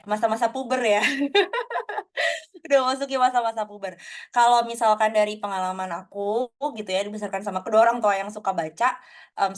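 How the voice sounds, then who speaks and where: A young woman speaking as a guest in a casual online talk, chatty with many fillers, acting out quoted lines. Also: medium pitch.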